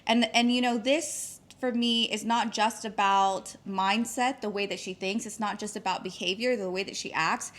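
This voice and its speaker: A woman guest on a podcast, talking casually in an emphatic, fast way and laughing often. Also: mid-range voice, steady tone, fairly bright tone. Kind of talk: casual interview chat. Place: outdoor retreat location.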